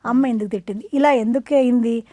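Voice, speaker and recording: A middle-aged woman with a high voice speaks earnestly, stepping through rhetorical questions as she explains her ideas. She is a guest in an interview, and her voice sounds close and dry. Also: fast, warm tone, no echo. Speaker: guest, academy founder. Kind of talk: conversational interview.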